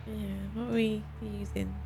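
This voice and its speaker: A woman's voice: a little high, level tone, normal speed, vocal fry, warm tone. A woman co-hosting a let's play with her husband, chatting casually and giggling at his jokes. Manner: amused, giggly asides. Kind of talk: casual gameplay chat. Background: game music.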